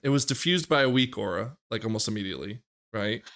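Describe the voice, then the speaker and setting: A man's voice: lowish voice, lively intonation, fast, vocal fry, fairly bright tone. A man hosting a casual gaming chat, rambling through his points and laughing often. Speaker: podcast host.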